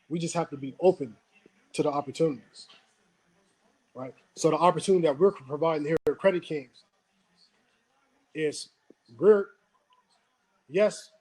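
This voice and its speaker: Husky man hosting a motivational webinar. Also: fairly high pitch, a little mellow, poor audio. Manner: storytelling, repeats "right?" often. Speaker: webinar host.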